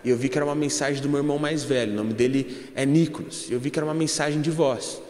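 A man's voice: a little high, quick pace, a little mellow, roomy sound, in a large hall. A young Brazilian man giving a humorous church testimony, telling a story and addressing the congregation as brothers. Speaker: church speaker.

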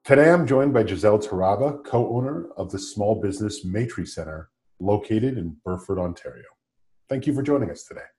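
A man's voice: fairly low pitch, animated, brisk, a little mellow. A man hosting a podcast, asking friendly, curious questions. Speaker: podcast host. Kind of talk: interview host.

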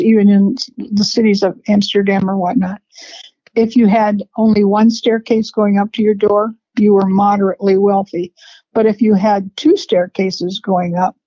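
A woman in her seventies telling family memories in a rambling, unhurried way with laughs between stories. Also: mid-range voice, a little mellow, no echo. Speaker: interviewee, family matriarch. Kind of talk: reminiscing conversation. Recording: dry, slightly dull lo-fi sound.

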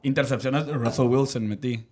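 A man's voice: medium pitch, moderate pace, darkish tone, husky. A man with a Mexican accent, bantering casually about sports as a panelist, with slang and swearing.

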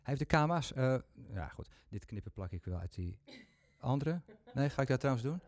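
A man's voice: medium pitch, animated, brisk, no echo, studio quality. A man hosting a podcast, talking chattily with self-mocking humor into a microphone. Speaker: podcast host. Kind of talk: casual podcast talk.

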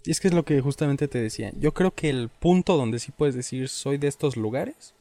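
A man's voice: medium pitch, animated, fairly quick, dark tone, no room sound. A man in casual chat, arguing his points emphatically and repeating them. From Mexico.

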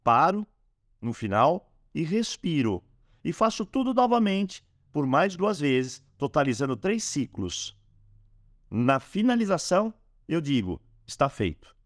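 A man hosting a calm instructional talk on a spiritual technique, slowing down when he speaks mantras. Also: on the high side, dry recording, clean studio sound. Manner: lively, rising and falling delivery, slowing on mantras. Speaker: host teaching a spiritual technique.

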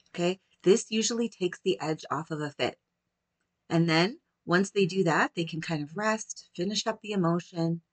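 A woman, likely in her thirties, giving a gentle, measured talk that teaches parents how to calm young children. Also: on the low side, dry recording.

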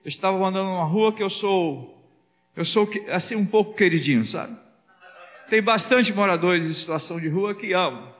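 A man's voice: high voice, moderate pace, a bit bright, big-room sound. A man preaching as a pastor, asking the congregation rhetorical questions and acting out little dialogues. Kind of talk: sermon.

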